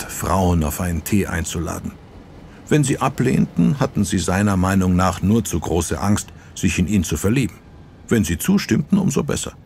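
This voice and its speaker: A man with a low voice reads an audiobook in measured, dramatic narration. A faint hiss sits behind him. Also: creaky, a little mellow. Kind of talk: scripted narration.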